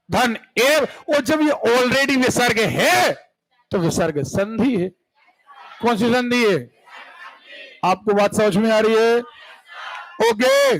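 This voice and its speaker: A man with a strikingly high voice teaches Hindi grammar at an unhurried, drawn-out pace. He carries a central Indian Hindi accent and keeps stopping to ask his students whether they are following. He sounds like a patient classroom lecture. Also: a bit bright, poor audio. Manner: keeps checking the class with "clear hai?" and "sun rahe ho?".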